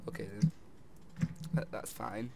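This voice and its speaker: A woman's voice: a little slow, very noisy. A woman hosting casual gaming commentary over a voice call, chatty and laughing along.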